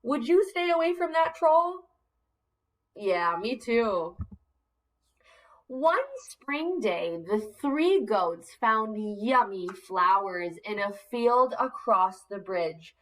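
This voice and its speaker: A woman's voice: a little high, low-quality recording. A woman teacher reading a picture book aloud to young children, coaxing them with questions.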